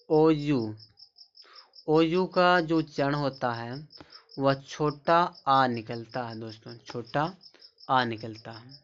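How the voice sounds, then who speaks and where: A male English teacher explains spelling and pronunciation, drilling each word again and again and quizzing his listeners as he goes. His voice sits at an everyday middle pitch. The recording is a little dull and lo-fi, with a faint hiss of noise behind him. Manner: repetitive, drills each word several times and asks rhetorical questions. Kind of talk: classroom-style lesson explaining spelling and pronunciation. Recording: slightly dull lo-fi sound with faint background noise.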